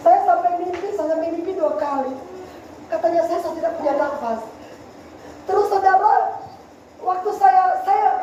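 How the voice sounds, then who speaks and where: A woman preacher delivering an emphatic sermon, swinging between loud cries and low murmurs. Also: dull audio, slight background noise. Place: church. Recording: echoey church hall from a distance.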